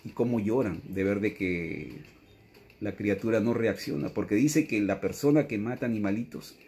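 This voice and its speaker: A man's voice: on the low side, warm tone. A man, giving an earnest, repetitive spiritual teaching and often quoting a messenger. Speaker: religious teacher.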